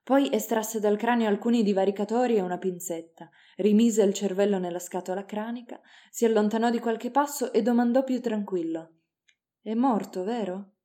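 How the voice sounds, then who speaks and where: Mellow woman narrating a dark tale. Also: mid-range voice. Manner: measured, dramatic reading. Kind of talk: audiobook narration.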